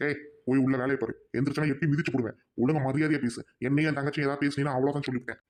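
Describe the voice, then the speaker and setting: Woman doing a gruff bossy village husband. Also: extremely low pitch, fairly even intonation, rapid-fire, a little mellow, voice pushed down. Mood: angry. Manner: gruff, threatening, commanding. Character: bossy middle-aged village husband and elder brother.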